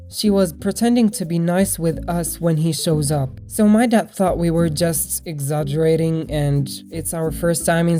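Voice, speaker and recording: Young woman storyteller with a low, mellow voice. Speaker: storytime video narrator. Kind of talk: personal storytelling narration. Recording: music bed behind the voice. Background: background music.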